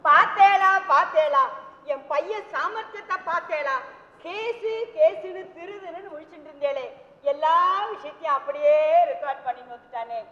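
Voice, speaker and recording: A woman's voice: high voice, normal speed, natural voice. An actress playing a fussy, doting mother who gushes over her son with repeated exclamations, in an old stage play recording. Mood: gushing. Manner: exclaims repeatedly, sing-song gushing. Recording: roomy hall, dull lo-fi old stage recording.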